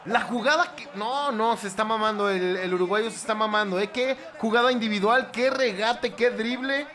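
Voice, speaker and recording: A young man with a Mexican accent talks through a live football match for his channel. His voice sits high and bright, with a sharp forward edge. He curses freely and bursts into shouts at the screen. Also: normal speed. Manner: profane, excitable, shouts at the screen. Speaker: football fan reaction host.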